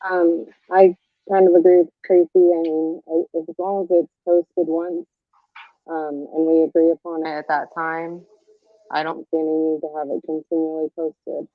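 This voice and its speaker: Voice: medium pitch, flat delivery, normal speed, dry recording. Board member on a muffled, breaking-up call. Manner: hesitant, with frequent "um". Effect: muffled, breaking-up remote call audio. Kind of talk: meeting discussion. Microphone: remote call. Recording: muffled phone-like remote call audio, dry.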